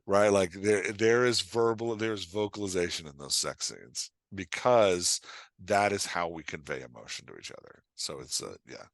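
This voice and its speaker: This guest and writing coach gives casual podcast advice in a deep, animated voice with a fairly bright tone, moving at a moderate pace. Emphatic throughout, he performs imagined dialogue and tosses in "right?" to check understanding, all captured in a dry recording.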